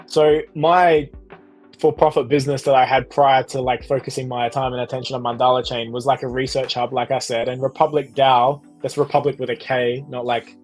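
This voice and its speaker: A man speaking as a podcast guest. He talks casually and leans on the filler "like". His voice sits at a middle pitch for a man. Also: little pitch movement, a little fast, a little mellow, faint music behind.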